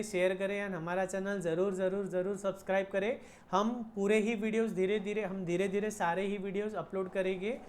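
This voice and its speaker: A woman commerce teacher talks through an online accounting lesson. She mixes Hindi with Indian-accented English and repeats key points. Her voice sits at a middle pitch. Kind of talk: online lecture.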